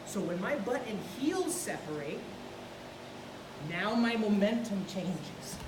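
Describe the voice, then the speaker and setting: In a sing-song, mid-range voice, she takes it slowly, coaching a student move by move through hands-on jiu-jitsu as they grapple. Heard from a camera across a spacious gym with mats, her words echo amid a noisy background.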